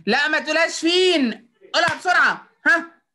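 A woman's voice: high-pitched, fairly quick, pushed and bright. A woman with an Egyptian accent teaching phonics to children over a video call, coaxing and praising them and mixing in English words. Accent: Egyptian Arabic. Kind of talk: online class drilling children.

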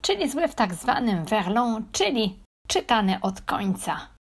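A woman teaching a language lesson at an unhurried pace. Her voice is a little husky, and her delivery is calm and deliberate as she translates each phrase. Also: on the high side. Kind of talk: slow, clear lesson narration.

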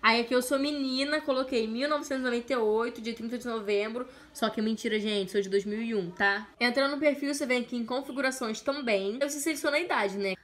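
A woman's voice: a little high, fast talker, hardly any pauses, a bit bright. A young Brazilian woman hosting a reaction vlog, playful and self-mocking, with exaggerated intonation. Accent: Brazilian Portuguese. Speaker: youtuber host.

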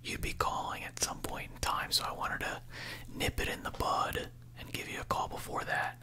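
A man in his thirties chatting casually on the phone in a breathy ASMR whisper, close to a desktop microphone in a small room. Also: normal speed, pushed and bright. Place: small room indoors at home. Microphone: close desktop condenser microphone.

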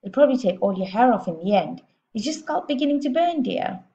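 A woman voicing a shrill, exasperated middle-aged mother who scolds and shrieks in a storybook. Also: sing-song, fairly quick, dark tone, dull audio, a little hiss or hum. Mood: scolding.

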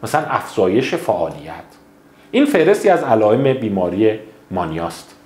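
A male psychiatrist gives a lecture in a low voice. His delivery swings widely in pitch, chatty and animated as he acts out people's reactions. The sound is echoey, as if from a roomy hall.

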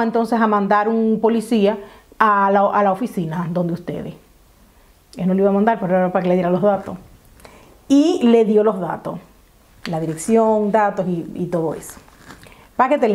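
A woman's voice: medium pitch, moderate pace. A young woman, telling a dramatic storytime vlog and acting out the quotes. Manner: animated, dramatic retelling with acted-out quotes. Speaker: vlogger. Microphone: camera mic.

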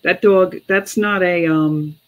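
An unhurried middle-aged woman hosts a casual live online sale of vintage glass from a small room at home, calling bids and prices between chatty asides and pausing often. Her voice is lowish with fairly even intonation.

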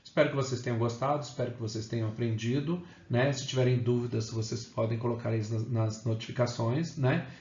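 A man's voice: medium pitch, fairly even intonation, fairly quick, hardly any pauses, darkish tone. A man teaching an English grammar lesson to Portuguese speakers, explaining step by step and checking in with "né?" and "ok?". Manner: explains step by step, often adds "né?" and "ok?". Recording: echoey room, slightly dull sound.

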